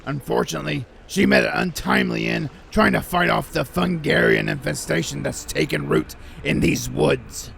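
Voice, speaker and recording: A man playing an eccentric, rambling historian with a gravelly voice in a nature documentary parody. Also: fairly high pitch, moderate pace, few pauses, a bit bright, a little hiss or hum. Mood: grave, grumbling. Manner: rambling, insistent, repetitive. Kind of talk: comic expert commentary in a nature documentary parody. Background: music.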